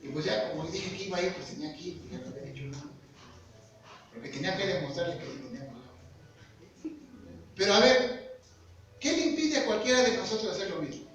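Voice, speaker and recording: A man's voice: high voice, lively intonation, a little fast, long pauses, fairly bright tone. A man preaching a sermon, earnestly asking the congregation questions. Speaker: lay preacher. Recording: echoey hall, far-off mic, background noise.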